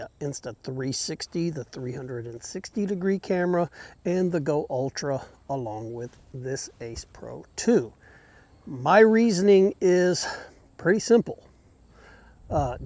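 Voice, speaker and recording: A man with a fairly high voice chats into a handheld action camera outdoors by a lake. He rambles casually and leans on filler words, now and then catching a hiccup. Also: a little mellow. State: has the hiccups. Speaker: vlogger. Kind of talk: casual solo vlog. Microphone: action camera held by the vlogger.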